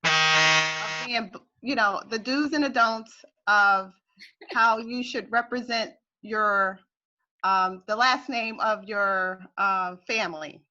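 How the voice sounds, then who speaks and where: A woman's voice: mid-range voice, takes it slowly, pushed and bright. A woman in a group video call, speaking hesitantly and searching for words. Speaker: participant. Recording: dull lo-fi video call audio.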